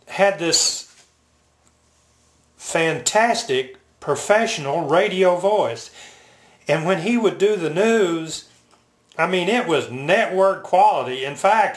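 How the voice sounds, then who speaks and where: An older man telling personal stories casually, in a halting, reflective, unscripted way. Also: on the high side. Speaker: military veteran reminiscing. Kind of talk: casual personal storytelling to camera. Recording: roomy, echoing home recording.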